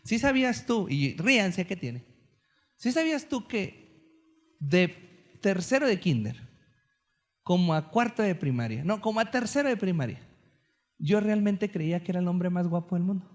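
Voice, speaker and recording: High-voiced joking Mexican preacher. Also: male voice, moderate pace, pauses often. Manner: animated, joking storyteller. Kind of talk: sermon.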